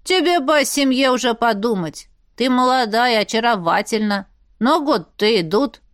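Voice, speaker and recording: A woman voicing a calm, wise male wolf familiar in a fantasy audiobook. He speaks slowly and draws his words out, almost singing them. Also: a little high, dry recording, clean studio sound, natural voice. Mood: earnest. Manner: slow, drawn-out, almost sung.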